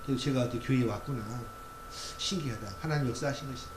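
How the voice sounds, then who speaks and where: A man's voice: medium pitch, fast talker. Guy pastor giving a sunday sermon, chatty and full of fillers, echoey church, bit of hum. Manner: conversational preaching with many fillers and acted quotes. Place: church sanctuary. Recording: roomy church sound with faint hum.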